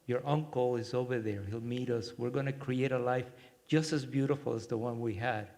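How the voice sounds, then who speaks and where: A man from Cuba giving a workshop talk and guiding a short meditation, speaking gently and reflectively with many pauses. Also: medium pitch, fairly even intonation. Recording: long hall reverb.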